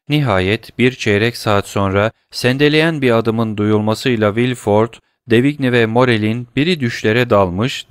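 A man reading a classic novel aloud as an audiobook narrator, in steady, low storytelling delivery on a close mic. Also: clean tone, no room sound. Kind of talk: scripted literary narration.

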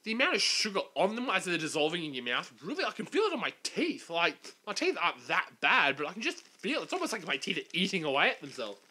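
Animated young man hosting a vlog. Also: sits high, fast, hardly any pauses, slightly rough. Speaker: vlog host. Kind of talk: casual vlog chat. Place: living room couch. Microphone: desk microphone in front of two people.

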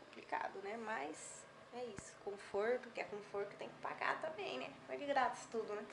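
A woman with a Brazilian Portuguese accent, a vlogger and mother, chats casually with viewers and her child from a hospital room. Her voice is fairly high, fairly quick and gravelly, and the phone recording is noisy.

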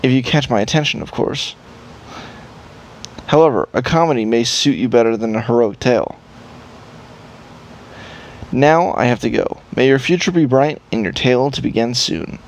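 A man's voice: medium pitch, lively intonation, moderate pace, long pauses, natural voice. Cheerful male elf bard from a video game, lofty theatrical delivery, read by a man. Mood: teasing. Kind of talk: reading game dialogue aloud.

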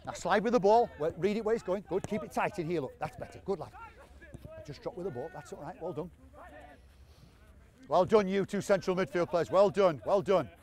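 A man coaching players on an outdoor training pitch, encouraging them and repeating short commands. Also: brisk, a little mellow. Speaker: football coach. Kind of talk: on-field coaching instruction.

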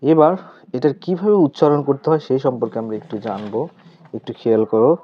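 A man's voice: medium pitch, expressive. A man teaching a chemistry lesson step by step with a Bangladeshi Bengali accent, asking questions aloud and answering them himself. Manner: asks questions aloud then answers, repeats terms slowly. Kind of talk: step-by-step tutorial explanation. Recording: slightly dull lo-fi recording.

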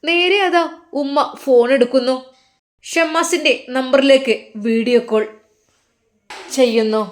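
A woman's voice: sits high, unhurried. Malappuram woman narrating a story. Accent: Malappuram Malayalam.

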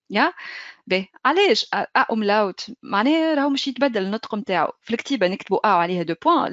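A woman's voice: a little high, no room sound, lo-fi sound. A woman with a Tunisian accent teaching German pronunciation in an online lesson, often checking in with her students.

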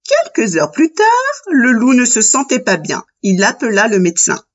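A woman narrating a children's audiobook with expressive storytelling. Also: on the high side, moderate pace, husky, dull audio.

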